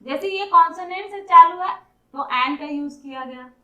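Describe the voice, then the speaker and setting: A woman's voice: very high-pitched, normal speed, sharp tone, muffled recording. A woman teaching an English grammar lesson, patiently sounding out and repeating each example word. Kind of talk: classroom-style lesson explaining articles. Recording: echoey room.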